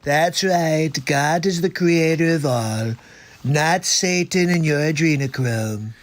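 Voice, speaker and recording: Between clips on his live comedy stream, a host pokes fun at what he's showing with sarcastic disbelief. He talks slowly in a voice on the higher side.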